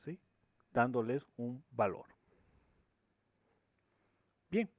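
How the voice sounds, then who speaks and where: A man teaching a programming lesson over a screen recording, at an ordinary middle pitch. He explains each step patiently and keeps asking whether the students are following. The recording sounds dry and close, with a dull, lo-fi tone. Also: expressive, extremely slow, dry recording. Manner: explains step by step, often checks with "¿sí?".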